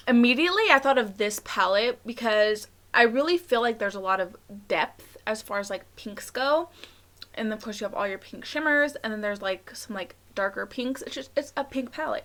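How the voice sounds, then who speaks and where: A woman's voice: fairly high pitch, pushed and bright. A woman vlogging her makeup routine in casual chat, talking with a slight lisp from a tongue piercing, chatty and candid. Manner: chatty and candid, fillers and quick asides.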